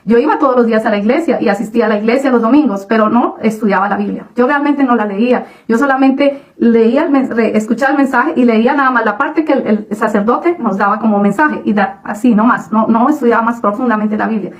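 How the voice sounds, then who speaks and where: A woman giving a personal religious testimony, halting often with restarts and fillers. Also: on the high side, rough recording. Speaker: testimony speaker.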